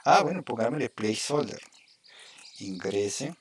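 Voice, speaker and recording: A man teaching a live coding lesson. He explains each step slowly and often checks in with his students. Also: lowish voice, animated, breathy edge. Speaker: programming instructor.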